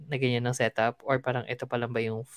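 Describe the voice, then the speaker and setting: A speaker with a Filipino accent co-hosting a podcast, reviewing a series in casual chat, mixing in English and pausing to search for words. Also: medium pitch, level tone, clear, resonant tone, dry recording. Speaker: podcast co-host.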